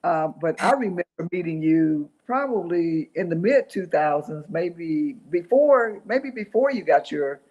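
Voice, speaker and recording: A woman hosting an interview, speaking haltingly with many fillers and restarts. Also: fairly low pitch, animated, darkish tone. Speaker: interview host. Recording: dull lo-fi sound.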